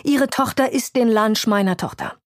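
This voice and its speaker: A woman reading a storybook voices a sharp, self-assured woman chemist with a clipped, accusing manner. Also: fairly high pitch, moderate pace, no room sound, clean studio sound, pitched above the performer's own voice, close to an everyday voice. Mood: indignant.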